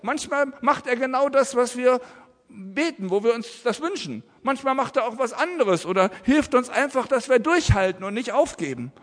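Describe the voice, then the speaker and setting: A man's voice: extremely high pitch, in a large hall. A man preaching a family sermon to children and adults in a church, using simple, friendly words for the children. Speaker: pastor.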